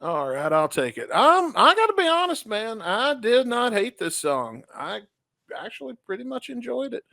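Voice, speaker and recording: A man's voice: extremely high pitch, big pitch swings, moderate pace, vocal fry, bright, forceful tone, no room sound. Man in casual chat, dry close sound. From Memphis, United States. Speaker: music review co-host.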